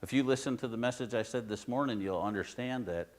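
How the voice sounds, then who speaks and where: A male pastor giving a sermon in his own church, talking to the congregation like a conversation. He pushes some phrases out loud and high, then drops to near-quiet asides. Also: fast. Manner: conversational preaching, swings between loud emphasis and quiet asides.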